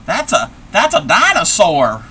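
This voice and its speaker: Heavily acted, this live stream character has a man voicing a folksy grandmother confused by technology and given to old-fashioned exclamations. His voice is high, husky, pushed and bright, a little slow, with huge swings in pitch.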